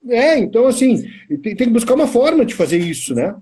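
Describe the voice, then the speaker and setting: A man's voice: very high voice, sing-song, fast, mellow, a little hiss or hum. A middle-aged man with a Brazilian Portuguese accent, a teacher chatting on a live stream, rambling and telling stories with many restarts. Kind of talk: casual chat on a live stream.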